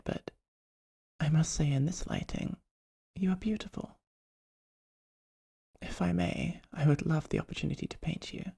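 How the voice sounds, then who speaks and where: A performer gives a full character voice to a shy, polite vampire artist in a soft-spoken ASMR roleplay. The medium-pitched delivery is breathy, hesitant and gently formal, often close to a whisper.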